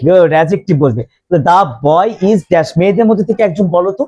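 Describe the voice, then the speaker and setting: A man teaching English grammar to a classroom of students, slowly repeating questions for the class to answer. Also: sits high, a little mellow, muffled recording.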